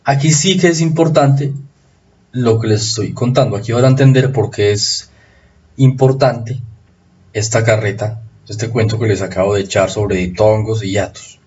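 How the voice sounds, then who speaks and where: A man giving a recorded spelling lesson, explaining rules slowly and repeating them for emphasis. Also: fairly low pitch, a little mellow, muffled recording, a little hiss or hum. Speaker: spelling teacher.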